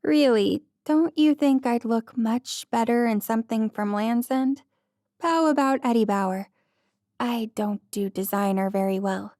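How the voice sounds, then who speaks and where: A modest young woman, flustered and pleading, out of her depth, as a woman narrator reads her. Her voice sits fairly high and the recording is dry and close. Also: a little slow, a little mellow, dry recording. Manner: pleading, self-deprecating.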